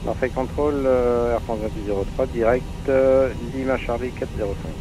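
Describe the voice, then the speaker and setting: A man's voice: fairly even intonation, normal speed. Male pilot on radio, very noisy. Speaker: pilot in online flight simulation. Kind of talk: radio calls to air traffic control. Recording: loud aircraft rumble and noise.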